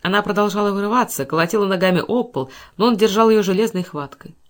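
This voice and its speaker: A woman's voice: mid-range voice, fast talker. Woman narrating a classic novel dramatically. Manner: dramatic, expressive reading. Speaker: audiobook narrator. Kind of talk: literary audiobook narration.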